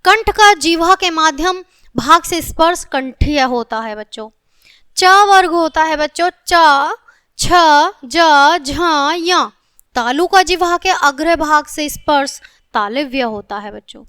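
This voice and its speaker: A woman teaching a grammar lesson to children, explaining step by step, slowly stretching each sound she names and often saying "okay". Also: sits high, animated, bright, forceful tone, dry recording, studio quality.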